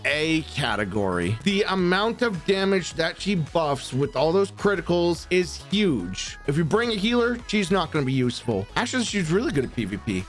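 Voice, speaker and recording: High-voiced man doing blunt game commentary. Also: very animated, moderate pace, hardly any pauses, faint music behind. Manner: blunt, swears casually, reads skill text aloud and reacts. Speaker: gaming YouTuber ranking characters. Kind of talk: casual tier list commentary.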